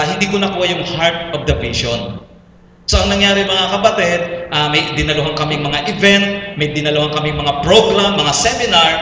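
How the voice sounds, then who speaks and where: High-voiced Filipino pastor in an echoing hall. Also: male voice, pushed and bright. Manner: storytelling testimony, addresses listeners as brothers and sisters. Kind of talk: sermon. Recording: echoey hall, voice from far off, faint room noise.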